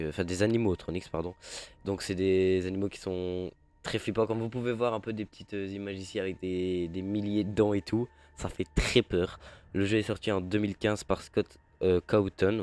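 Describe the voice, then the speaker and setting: A young man with a fairly low voice talks casually over his gameplay, chatty and easily startled, swearing now and then. The sound is dry and close, with no room echo. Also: a little mellow, smooth. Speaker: gaming youtuber.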